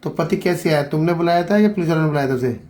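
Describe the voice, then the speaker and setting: A man's voice: on the high side, fast talker, slight background noise. A man questioning a couple, repeating each answer back and pressing them to speak up. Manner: probing, repeats answers back, urges louder speech; calls people beta. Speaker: interviewer. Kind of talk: on-the-spot questioning interview.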